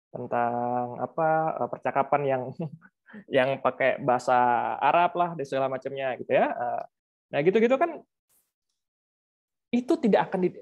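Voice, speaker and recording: A man's voice: medium pitch, narrow, tinny audio. A man, a researcher and author, explaining his views in a webinar discussion in a conversational way, with frequent fillers and rhetorical tags. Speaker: guest speaker, researcher and author. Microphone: video call microphone.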